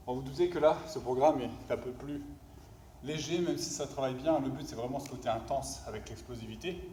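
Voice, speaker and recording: Guy w coaching a workout, counting reps out loud, roomy echo, bit of background noise. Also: medium pitch, fairly quick. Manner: workout rep counting, short counts between casual remarks. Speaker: fitness coach leading a home workout. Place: indoors at home, echoey room.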